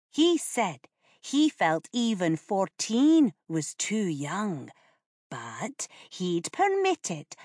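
Audiobook: woman doing a cocky little noble boy, high and quick-tempered, impatient and superior. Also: dry recording, clean studio sound, heavily acted. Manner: excited, superior, conspiratorial. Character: impatient eight-year-old noble boy, lofty tease.

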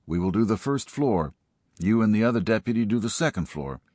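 A man's voice: lowish voice, expressive, brisk, a little mellow, no room sound, clean studio sound, pitched above the performer's own voice. A man voicing an eager, respectful young volunteer dog handler. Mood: dutiful. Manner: crisp, respectful.

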